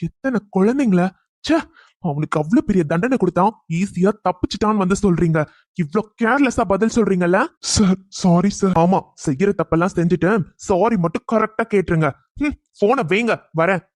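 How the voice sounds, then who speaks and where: A man's voice: sits high, brisk, no room sound. A man voicing a short-tempered young police officer who scolds his staff sharply and fusses protectively over his wife. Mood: angry. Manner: angry scolding on the phone, tender with his wife.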